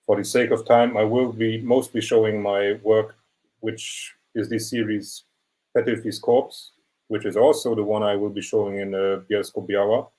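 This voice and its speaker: A young man, a photographer giving a measured, explanatory presentation of his work over a video call. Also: fairly low pitch, flat delivery, dark tone, poor audio. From Germany. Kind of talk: online portfolio presentation.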